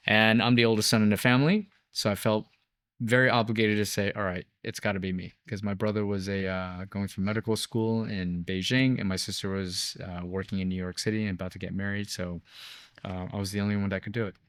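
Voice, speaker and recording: A man's voice: fairly low pitch, level tone, fairly quick, fairly bright tone, clean tone, no echo. A man in his fifties from Taiwan, a biotech founder answering interview questions in an explanatory way with many fillers and tag questions.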